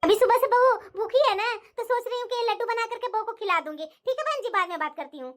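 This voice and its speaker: A woman's voice: extremely high pitch, quick pace. A woman voicing a boastful, scheming middle-aged mother-in-law who brags and taunts. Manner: bragging, taunting, sweetly fake on the phone. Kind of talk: cartoon voice acting.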